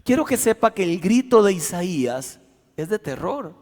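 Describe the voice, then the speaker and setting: Male pastor, high-pitched, theatrical delivery, church hall reverb. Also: sing-song, moderate pace. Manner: dramatic, acts out shouts and quotes. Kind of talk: sermon with personal story.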